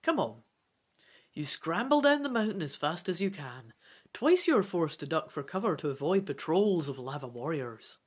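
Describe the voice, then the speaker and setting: A woman with a low, husky voice presents a gamebook playthrough at a moderate pace, her intonation lively. She alternates between theatrical reading aloud and chatty, casual commentary.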